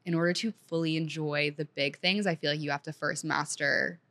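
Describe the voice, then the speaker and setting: A young Senegalese woman in her twenties, a content creator, chats casually as a guest. She's upbeat and chatty and says "like" constantly, speaking fairly quickly in a low, steady voice with a bit of brightness.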